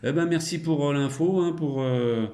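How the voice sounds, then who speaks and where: A middle-aged amateur radio operator chats casually and colloquially, chuckling and trailing off with tag words. His mellow voice is a little high, at a moderate pace, and the recording has a roomy, echoing sound.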